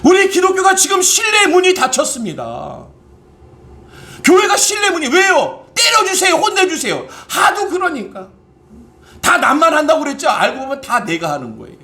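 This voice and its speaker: A man, a pastor preaching a sermon, who fires rhetorical questions at his congregation and bursts into loud exclamations. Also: very high-pitched, wildly swooping pitch, moderate pace.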